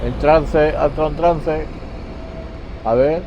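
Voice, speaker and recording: A man's voice: on the high side, takes it slowly, muffled recording. A man with a Castilian Spanish accent giving casual playthrough commentary, informal, with rhetorical questions and muttered reactions. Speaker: gaming streamer. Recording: faint background noise, game sound.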